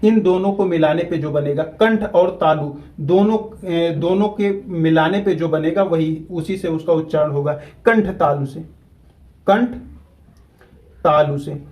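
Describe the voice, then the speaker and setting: A man, teaching a grammar lesson at a whiteboard. He repeats key terms slowly and deliberately so students can keep up. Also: a little high, a little mellow, poor audio.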